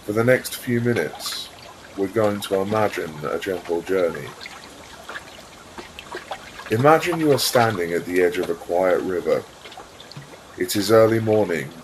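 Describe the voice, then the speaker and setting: A man's very low voice carries a scripted guided visualisation for meditation, read very slowly in a calm, soothing way with pauses between phrases. Behind him, trickling water runs clearly, and there is background noise.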